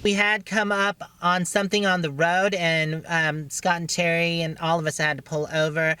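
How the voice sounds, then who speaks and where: An American woman, an RV travel vlogger, chats informally while driving her motorhome on the road, often talking to herself in unscripted vlog style. Her voice is a bit bright and clean, with little pitch movement and a moderate pace, though the vehicle's rumble and surrounding ambience make the recording noisy.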